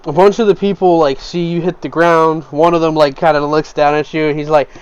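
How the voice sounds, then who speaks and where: A man's voice: a little high, fairly even intonation, a little fast, darkish tone, clean tone, highs cut off. A man narrating a tabletop game as game master, describing scenes at length with frequent fillers.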